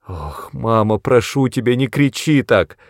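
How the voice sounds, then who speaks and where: A man's voice: normal speed, a little mellow, dry recording, studio quality, close to an everyday voice. A man voicing a desperate teenage girl who begs her mother, in a raised, tearful voice. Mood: pleading. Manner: high tearful begging voice.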